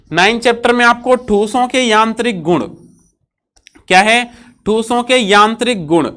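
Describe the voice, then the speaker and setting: A woman teaching a physics lesson, who repeats each point and asks questions that she answers herself, often pausing to check with "ठीक है". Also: on the high side, fairly bright tone. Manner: fills pauses with "ठीक है" checks. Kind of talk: classroom-style lesson.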